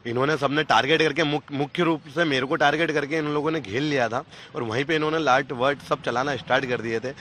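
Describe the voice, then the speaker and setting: Indignant bright-voiced man outdoors. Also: on the high side. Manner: earnest, indignant account. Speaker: injured rally participant. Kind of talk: on-street interview. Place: busy street outdoors. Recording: faint street noise outdoors.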